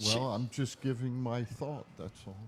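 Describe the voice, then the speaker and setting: A man co-hosting a casual podcast chat, unhurried and deliberate. He restarts sentences often, his mid-low voice working around his point. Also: a little hiss or hum. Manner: slow, hesitant, many fillers and restarts. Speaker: podcast co-host.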